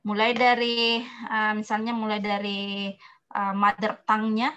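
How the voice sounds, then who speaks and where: A woman lecturer answering a student's question in a casual academic talk, pausing often with fillers and restarts, and giving spoken examples. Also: medium pitch, completely flat delivery, sharp tone, clear, resonant tone. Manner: hesitant, many fillers and restarts; explains slowly with spoken examples.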